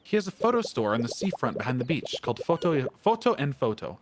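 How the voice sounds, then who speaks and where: A man's voice: medium pitch, big pitch swings, fast, noisy background, lightly acted. A man reading as a peppy young woman detective. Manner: upbeat read-aloud of game text. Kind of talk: reading game dialogue aloud.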